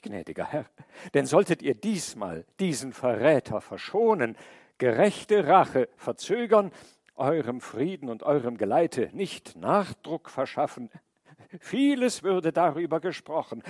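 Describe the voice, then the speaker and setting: A talkative crow pours out his sorrow in a wailing, pleading lament, as a man reads him. The telling is slow and drawn out, close and dry with no room sound, like an old storybook fable. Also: mid-range voice, darkish tone, no room sound.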